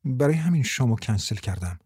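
A man's voice: mid-range voice, expressive, a little mellow, husky, dry recording, clean studio sound. Man voicing a flustered shy young woman. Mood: nervous. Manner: nervous, stumbling, apologetic.

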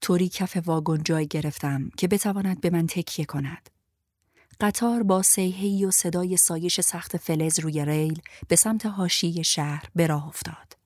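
A woman narrating a first-person story in a measured, restrained way, her voice on the low side. The recording is dry and close, with no room echo. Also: fairly even intonation, darkish tone. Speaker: audiobook narrator.

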